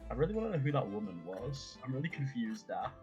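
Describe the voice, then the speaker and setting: A streamer hosting a game, chatting excitably and laughing often. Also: medium pitch, fast talker, muffled recording, soft background music. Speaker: streamer host. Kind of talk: casual chat.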